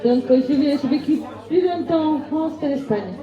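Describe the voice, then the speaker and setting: A woman author from Spain answers audience questions with a Spanish accent. Her voice sits a little high and rings in a roomy space, slightly dull in tone. She halts and restarts her sentences often. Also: normal speed, crowd noise.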